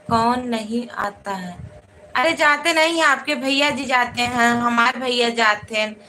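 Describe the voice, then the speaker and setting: Woman, live-stream host, greets viewers, slow talker, faint background noise. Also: on the high side, sharp tone, rough recording. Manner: greets viewers by name and asks for support. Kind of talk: casual live-stream chat.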